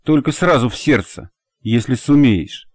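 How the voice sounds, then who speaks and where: A man voicing a fiery, quick-tempered young woman in an audiobook, speaking in a sharp, commanding way. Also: medium pitch, expressive, dry recording, clean studio sound. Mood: defiant.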